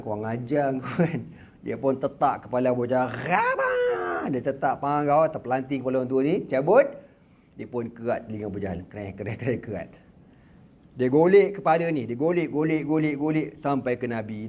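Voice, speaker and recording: A man with a Malaysian Malay accent giving a religious lecture in a prayer room, telling the story in a lively, joking way with slang and sound effects. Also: medium pitch. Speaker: religious teacher.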